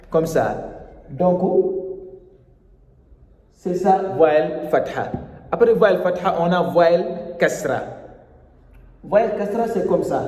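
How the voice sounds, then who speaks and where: Patient teacher in an echoey room. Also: male voice, fairly high pitch, warm tone. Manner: patient, repeats and spells out each step. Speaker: Quran reading teacher. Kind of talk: explanatory lesson mixing French and Wolof. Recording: echoey room with long reverb.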